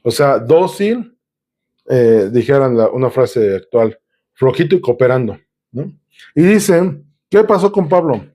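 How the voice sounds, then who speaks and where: A man's voice: medium pitch, expressive, measured pace, dark tone. A man preaching a sermon, reading Bible verses aloud and explaining them in a conversational way, with filler sounds and restarts. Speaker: pastor.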